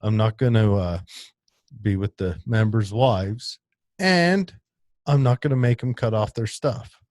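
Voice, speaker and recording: A man co-hosts a podcast, chiming in with wisecracks and joking asides. His voice sits on the low side. The recording is dry and close. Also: measured pace, darkish tone, no room sound. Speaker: podcast co-host. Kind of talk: casual chat.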